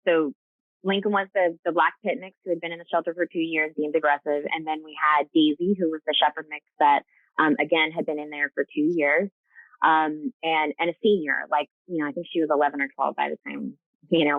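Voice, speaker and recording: Low-pitched and a little fast, this woman speaks with a flat delivery over tinny, phone-like call audio that is otherwise dry. A rescue co-founder appearing as a guest in a casual video-call interview, she talks earnestly, full of fillers and restarts.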